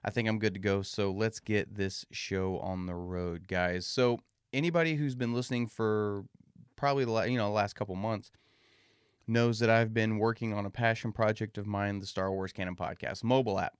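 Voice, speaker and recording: A man's voice: fairly low pitch, steady tone, normal speed, smooth, no room sound, clean studio sound. A man hosting a solo podcast in an informal, folksy way, talking to listeners with a slightly muffled, swollen-mouth sound. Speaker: podcast host.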